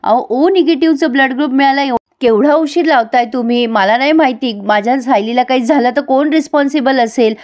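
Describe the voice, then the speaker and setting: A woman's voice: sits high, brisk, few pauses, a little mellow, pitched above the performer's own voice, natural voice. A woman reading the lines of an angry young husband who is demanding action from hospital staff. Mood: frantic, angry.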